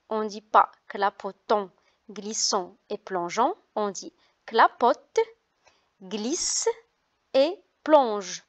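A woman's voice: on the high side, dull audio. A woman teacher reading a simple text aloud and carefully explaining its pronunciation to learners, spelling out letters and repeating words. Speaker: French teacher.

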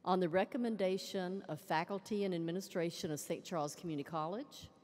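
Standing at a lectern in a large arena, a woman serving as college president delivers a formal, ceremonial commencement address in a proclaiming manner. Her voice is on the low side, brisk and darkish, with long arena reverb around it.

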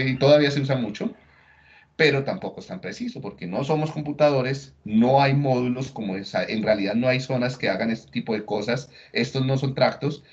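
A man giving a lecture on slides, talking conversationally and often checking in with tag questions. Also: fairly low pitch. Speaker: neuroscience lecturer. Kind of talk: recorded lecture explaining slides. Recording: dull lo-fi recording.

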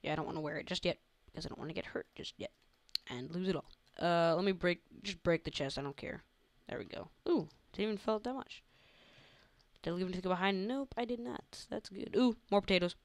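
Young male gamer, chatty, goofy, crisp voice, dry recording. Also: sits high, a little fast, no echo. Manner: chatty, goofy, talks to viewers often. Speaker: gaming channel host. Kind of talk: casual gameplay commentary.

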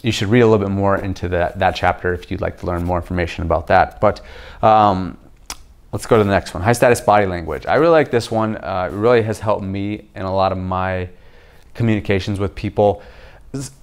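Speaking in a smooth, deep, low register, a young man reviews a book for his channel. He faces a camera in his home kitchen at chest-up framing, explaining casually with relaxed pauses and frequent "okay?" asides.

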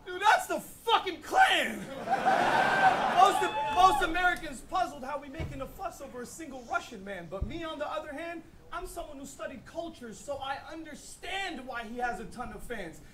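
A man's voice: very high voice, lively intonation, normal speed, bright, forceful tone. A man performing a live battle rap, delivering taunting punchlines with laughing asides. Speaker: battle rapper. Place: live battle event before a crowd. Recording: crowd noise from a live event.

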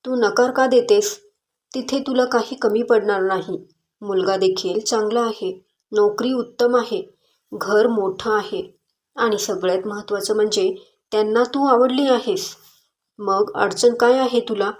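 A woman's voice: medium pitch, unhurried, darkish tone, close to an everyday voice. A woman voicing a stern, short-tempered middle-aged father who insists and scolds in a story reading. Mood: persuading.

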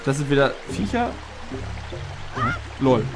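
A man's voice: medium pitch, very animated, unhurried. A man giving casual, slangy let's play commentary, joking and swearing while he plays. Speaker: let's player. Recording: game music behind voice.

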